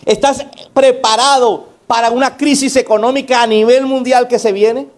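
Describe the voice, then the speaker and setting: With a steady tone and ordinary pace, a man preaches a sermon emphatically. He alternates between raised and low delivery and keeps addressing the congregation with call-outs and rhetorical questions.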